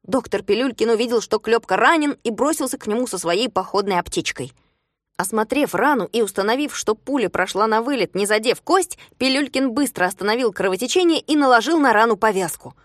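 A woman's voice: a little high, brisk, no room sound, studio quality. A woman narrating a children's story aloud, reading expressively and voicing the characters. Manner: expressive, shouts character lines. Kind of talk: storybook reading with acted dialogue.

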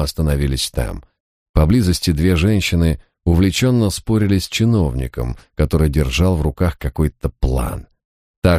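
A man reading a historical novel aloud as a first-person audiobook narrator, in a measured, literary storytelling manner. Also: deep voice, darkish tone, dry recording, studio quality.

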